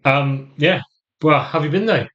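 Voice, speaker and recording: A man with an English accent co-hosting a football podcast in casual, teasing chat with his brother. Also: measured pace. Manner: teasing, jokey, lively pitch swings. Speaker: podcast co-host. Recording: slightly dull lo-fi sound.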